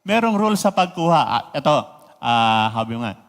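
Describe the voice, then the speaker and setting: High-voiced animated male preacher. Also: normal speed, gravelly, in a large hall. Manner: animated, rhetorical questions, mixes in English. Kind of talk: radio sermon.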